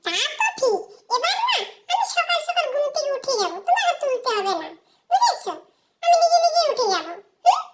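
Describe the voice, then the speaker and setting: A woman's voice: very high voice, lively intonation, unhurried, long pauses, heavy background noise, voice pushed up. A woman voicing a small cheeky boy in a playful home role-play, babyish, giggly and clingy with his mother. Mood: teasing. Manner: babyish, giggly, calling out and teasing.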